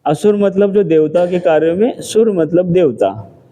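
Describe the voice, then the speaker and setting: A man's voice: high-pitched, animated, moderate pace, dark tone. A man giving a scripture class in a temple, talking conversationally and answering his own rhetorical questions. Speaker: temple lecturer.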